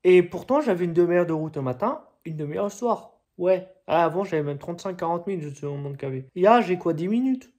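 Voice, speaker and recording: A man's voice: high-pitched, animated, brisk, few pauses, a little mellow. A young man chatting casually in a vlog, rambling along with frequent hesitations and restarts. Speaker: vlogger.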